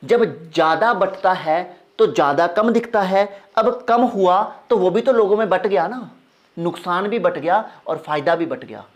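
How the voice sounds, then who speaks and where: A man's voice: high voice, lively intonation, normal speed. A young adult man teaching a class, coaxing his students and repeating phrases to drive each point home. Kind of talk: classroom lecture.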